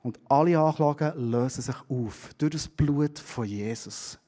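A middle-aged man with a Swiss German accent preaches a sermon, telling stories with animation and swinging between loud and hushed passages. His pitch is medium and his pace measured.

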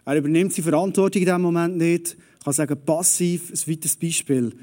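A man preaching a lively, conversational sermon straight to the audience. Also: on the high side, brisk.

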